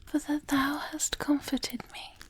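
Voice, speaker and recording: A woman gives a soft ASMR scripture reading in a breathy, unvoiced whisper. Her delivery is very even and unhurried, with little rise or fall. The whispers are layered, so the voice sounds doubled. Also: sits high. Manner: slow, hushed, even delivery.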